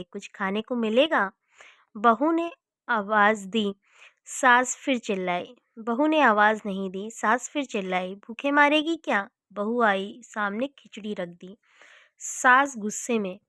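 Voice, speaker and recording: A woman narrating a family story in a slow, soft-spoken manner. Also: mid-range voice, no echo, studio quality.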